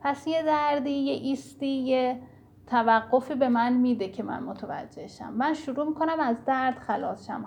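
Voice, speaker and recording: A woman's voice: high-pitched, a little mellow. A woman giving an earnest spiritual teaching talk, speaking directly to her listeners in an instructive way.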